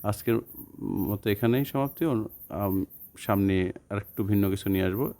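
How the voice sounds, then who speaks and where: A man from Bangladesh teaching English pronunciation to students, speaking slowly and carefully with hesitations. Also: on the low side, warm tone. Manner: slow, careful, with hesitations and demonstrated example words. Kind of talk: spoken lesson to students.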